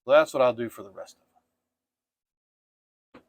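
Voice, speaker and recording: A man teaching painting step by step in a casual, gentle and reassuring way, like an easygoing instructor. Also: medium pitch, normal speed, dry recording.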